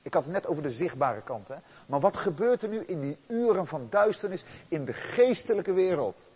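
A man preaching a sermon, slow and solemn, swinging from loud stress to a near-hush. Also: a little high, big pitch swings, slightly rough.

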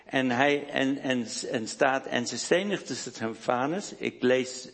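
A man delivers a sermon at an average pitch, taking his time, pausing and restarting as he searches for words. His voice carries a long reverb from a large hall. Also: creaky, fairly bright tone. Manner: slow, deliberate delivery with hesitations and restarts. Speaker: preacher.

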